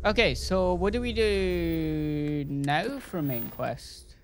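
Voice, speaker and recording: A man chats his way through a video game playthrough, talking straight to his viewers in a loose, rambling, jokey way. His voice sits a little on the high side, with a faint hiss of background noise under it. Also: expressive, slow pace. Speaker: gaming YouTuber. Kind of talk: casual let's-play commentary.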